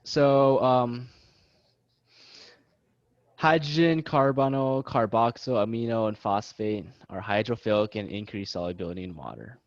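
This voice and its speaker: A man's voice: lowish voice, a little slow, no room sound. A young man leading a casual study session for classmates, joking and self-deprecating as he explains. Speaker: student tutor. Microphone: video call. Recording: dull lo-fi video call audio.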